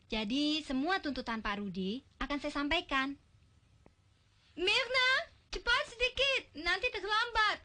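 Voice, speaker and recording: Casting: high, bright young woman, bossy and brisk, faint noise behind. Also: lively intonation, heavily acted. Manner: bossy, giving quick orders. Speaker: daughter of the household. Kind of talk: film comedy acting.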